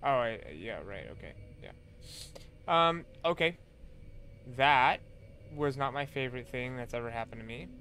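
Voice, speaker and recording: A man casually commenting while playing a game, hesitant and often filling pauses with "um" and correcting himself. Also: mid-range voice, lively intonation, sharp tone, slight background noise. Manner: hesitant, full of ums and self-corrections. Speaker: game streamer.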